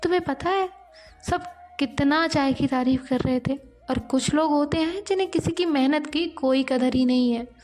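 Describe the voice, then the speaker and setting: A woman's voice: sits high, moderate pace, a little mellow, close to an everyday voice. A woman voicing an easily offended young woman office worker who snaps indignantly. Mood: irritated. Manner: snappish, indignant.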